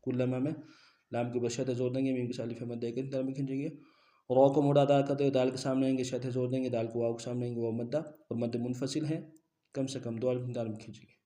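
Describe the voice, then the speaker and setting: Rapid-fire male recitation teacher, roomy echo. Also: mid-range voice, flat delivery, mellow. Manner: rapid, instructive, drilling rules one by one. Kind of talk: step-by-step recitation lesson.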